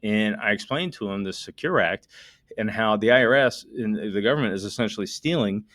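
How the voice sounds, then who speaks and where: A man's voice: on the low side, a little fast, no room sound, clean studio sound. A middle-aged American man, an estate planning attorney, explaining a topic to listeners in an emphatic monologue full of rhetorical questions. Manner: emphatic, talks directly to listeners; works through numbers out loud, rhetorical questions.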